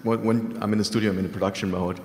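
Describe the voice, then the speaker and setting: A man's voice: fairly low pitch, little pitch movement, racing, reverberant, in a large hall. A man from Venezuela, a game composer and multi-instrumentalist, speaking earnestly on a panel. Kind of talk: panel discussion.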